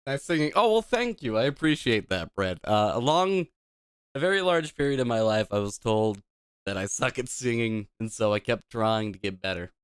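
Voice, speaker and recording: A man's voice: medium pitch, animated, normal speed, clean tone, no echo, studio quality. A tipsy man, a gaming streamer, chatting casually on a live stream into a desk microphone, rambling, swearing casually and laughing at himself.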